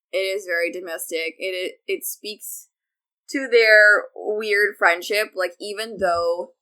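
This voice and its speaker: A woman's voice: mid-range voice, sharp tone. A woman co-hosting a podcast, gushing in casual fan chat with lots of fillers. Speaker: podcast co-host.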